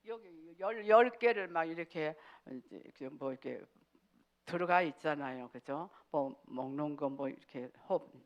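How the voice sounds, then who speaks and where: A woman's voice: mid-range voice, lo-fi sound. Woman preaching a vivid prayer testimony. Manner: animated storytelling, acts out pleading prayers. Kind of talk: sermon testimony.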